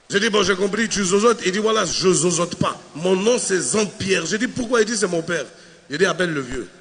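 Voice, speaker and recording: A male comedian works a huge crowd, his voice high and brightly ringing. He tells stories with lively energy and shouts greetings to the room. A faint murmur sits behind him. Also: a little hiss or hum. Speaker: stand-up comedian. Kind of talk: stand-up comedy set. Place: large exhibition hall stage.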